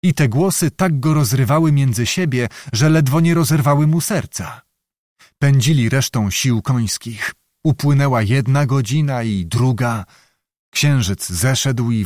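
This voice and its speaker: A man narrating a historical novel as an audiobook, in a measured, dramatic storytelling manner. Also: mid-range voice, a little mellow, dry recording, studio quality.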